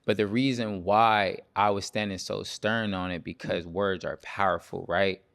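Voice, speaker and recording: Podcast guest guy, low voice, really clear and smooth, stern and deliberate. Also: fairly even intonation, fairly bright tone. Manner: deliberate, firm, presses his point. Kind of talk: casual studio conversation. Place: podcast studio.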